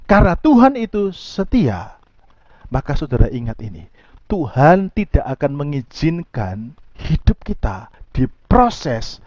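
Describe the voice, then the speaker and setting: A male pastor preaching a sermon, emphatic, dropping to soft low asides and rising to high pleading outbursts. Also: dry recording, highs cut off.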